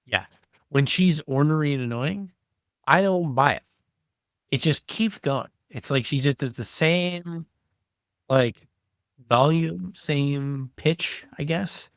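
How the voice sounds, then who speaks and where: A man's voice: on the high side, slow pace, long pauses, no echo, studio quality. A man co-hosting a podcast, giving blunt, opinionated takes in casual chat. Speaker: podcast co-host.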